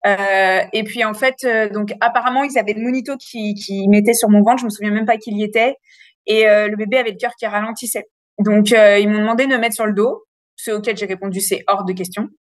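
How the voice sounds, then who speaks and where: A woman in her thirties frankly telling a long personal story in a casual, animated way, with many fillers. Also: medium pitch, brisk, no room sound, clean studio sound. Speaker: interview guest.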